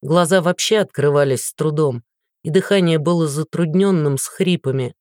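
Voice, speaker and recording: A man reading a novel aloud in a steady, even storytelling manner. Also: a little high, moderate pace, no echo, clean studio sound. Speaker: audiobook narrator. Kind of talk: scripted narration.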